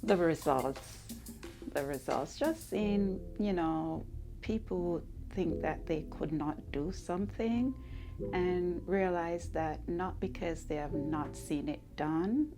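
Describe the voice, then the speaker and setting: A middle-aged woman from Jamaica, giving measured, reflective answers in an interview about her wellness business. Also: on the low side, over music.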